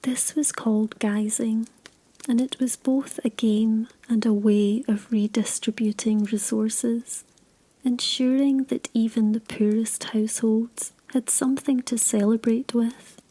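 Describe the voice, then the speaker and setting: A woman narrating a scripted sleep story in a hushed, breathy whisper, soothing and unhurried. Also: on the high side, steady tone, low-quality recording.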